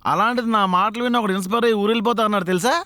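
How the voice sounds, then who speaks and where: A man's voice: high voice, steady tone, rapid-fire, bright, forceful tone, no room sound, clean studio sound. An actor playing a sarcastic young man who mocks his roommate and his old landlord. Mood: teasing. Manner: wisecracking, mocking. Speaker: lead comic actor in a web series.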